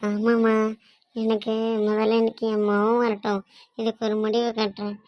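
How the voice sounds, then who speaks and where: A woman's voice: fairly high pitch, flat delivery, normal speed, a little mellow, no room sound, natural voice. A woman voicing a scolding, self-pitying old mother-in-law in a cartoon comedy, complaining and grumbling on and on.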